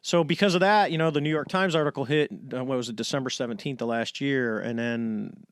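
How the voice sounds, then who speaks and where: A middle-aged American man tells his story in a relaxed interview, slipping into the voices of the people he quotes. His voice sits at an ordinary pitch for a man. The recording is close and dry, with no room sound. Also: a little fast, clean tone, dry recording. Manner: animated storyteller, acts out quoted dialogue. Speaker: interview guest, retired navy fighter pilot.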